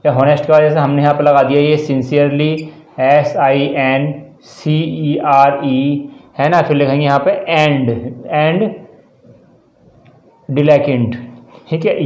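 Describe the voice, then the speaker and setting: A man's voice: a little high, darkish tone. A man teaching a grammar lesson step by step, spelling out words letter by letter and checking in often. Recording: echoey room.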